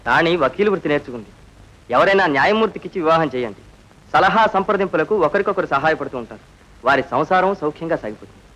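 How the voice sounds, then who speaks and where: A man's voice: fairly high pitch, lively intonation, quick pace, a bit bright, low-quality recording. An actor playing an earnest young doctor who reasons formally with his father in an old film. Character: earnest young male doctor refusing marriage.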